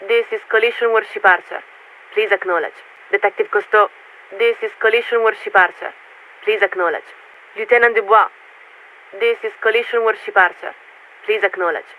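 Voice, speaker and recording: For a video game, an actress voices a formal, detached radio officer aboard a military warship, reading clipped official procedure in a scripted, procedural manner. Her mid-range voice comes through a radio transmission filter, a narrow, tinny link laced with static.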